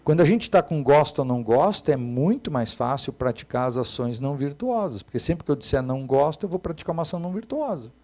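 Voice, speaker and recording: A man, giving a Buddhist dharma talk as a meditation teacher, moving between soft and emphatic speech. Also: a little high, expressive, quick pace, few pauses.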